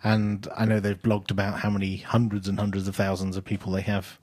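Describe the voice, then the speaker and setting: Low husky-voiced man chatting on a podcast. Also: completely flat delivery, fairly quick, darkish tone, dry recording. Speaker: podcast co-host. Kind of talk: casual retrospective chat.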